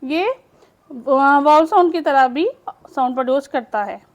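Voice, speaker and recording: A woman teaching English phonics, explaining slowly in Urdu and saying each word twice. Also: high-pitched, expressive. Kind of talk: slow phonics lesson.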